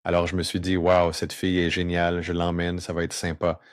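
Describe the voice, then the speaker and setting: A man tells his own story in a remorseful, earnest confession, his voice shifted down to an unnaturally deep register to keep him anonymous. The sound is dry and close, with no room around it. He slows down at key moments. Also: monotone, smooth, no echo. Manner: earnest, remorseful, with pauses and slow stretches. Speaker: person giving a personal testimony. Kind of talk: confessional first-person testimony.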